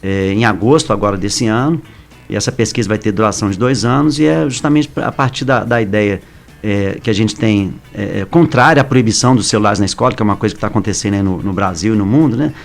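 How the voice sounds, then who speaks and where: A man with a Brazilian accent, a professor guest on a radio show, explaining in a measured way with small hesitations and restarts. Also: fairly low pitch, gravelly, soft background music. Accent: Brazilian Portuguese. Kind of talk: explanatory interview answers. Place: radio studio. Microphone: studio microphone.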